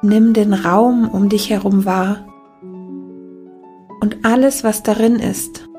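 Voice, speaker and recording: A woman leading a guided meditation in a soft, calming, unhurried manner. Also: medium pitch. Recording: background music behind the voice. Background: meditation music.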